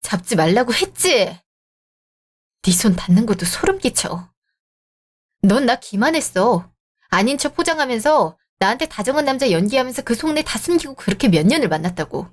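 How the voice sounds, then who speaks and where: A woman's voice: on the high side, very animated, moderate pace. A woman acting the heroine in a radio drama, cold and cutting as she speaks.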